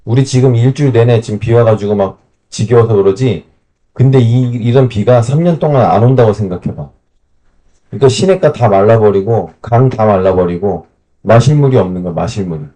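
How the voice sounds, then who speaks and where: A man teaching a Bible camp class, retelling stories in lively, colloquial speech and putting questions to his listeners. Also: on the low side, a little fast.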